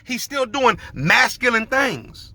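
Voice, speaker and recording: A man's voice: very high-pitched, slow pace, creaky, slightly rough, dry recording. A man hosting a podcast, telling stories and giving emphatic, slangy opinions in casual commentary. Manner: animated storytelling, emphatic, slangy. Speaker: podcast host.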